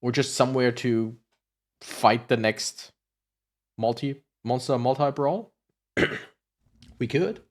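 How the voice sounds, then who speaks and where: A man's voice: medium pitch, takes it slowly, long pauses. A tired man giving casual, rambling commentary as he plays, laughing and breaking off mid-thought. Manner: rambling, laughing, self-interrupting. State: tired, yawning. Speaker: gaming channel host. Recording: game music playing behind.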